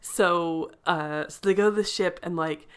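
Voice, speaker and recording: A woman co-hosting a casual chat show, chatty and quick with frequent fillers. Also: fairly low pitch, clean tone. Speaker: podcast co-host.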